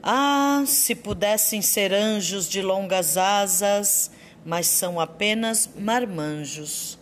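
Woman as school library assistant reading kids' poetry aloud, unhurried and expressive, soft music under. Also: mid-range voice. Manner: slow, lively storytelling reading. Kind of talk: reading children's poems aloud.

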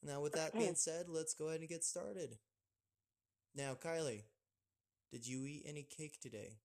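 A man co-hosting a casual podcast, relaxed and chatty, laughing often and restarting his sentences. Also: on the high side, normal speed. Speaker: podcast co-host. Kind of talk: casual chat.

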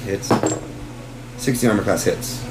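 A man's voice: on the low side, measured pace, noisy background. A man acting as game master at a tabletop session, casual and salty-tongued, thinking aloud as he calls out rolls and results. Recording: echoey room with background music.

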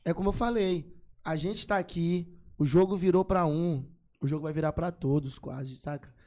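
Young man, Maranhão accent, slightly high voice, excited slangy podcast chat. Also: moderate pace. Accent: Maranhão Portuguese. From São Luís, Maranhão, Brazil. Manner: excited, slangy, laughs easily. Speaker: singer guest.

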